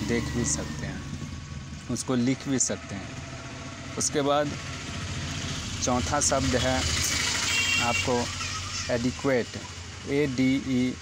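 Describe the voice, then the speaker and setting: A man teaching vocabulary, spelling each word out letter by letter and repeating it, recorded on a handheld phone in a roadside shop. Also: mid-range voice. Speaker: YouTube teacher. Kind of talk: vocabulary lesson. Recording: noisy roadside with traffic. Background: passing motorbikes and a child shouting.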